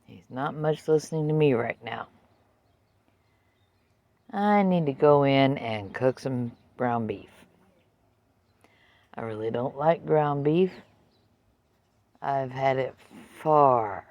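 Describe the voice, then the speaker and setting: A woman's voice: very deep voice, slow pace, pauses often, a little mellow, dry recording. An older woman in a casual outdoor vlog, chatting unhurriedly and talking to her dog between remarks. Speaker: vlogger.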